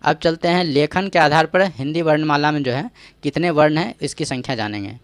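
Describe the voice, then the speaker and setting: Fairly high, smooth, and fairly quick, this man's voice comes with no room sound. He's a teacher walking through exam-prep grammar step by step, pausing for frequent "ठीक है" check-ins and rhetorical questions that test the viewer.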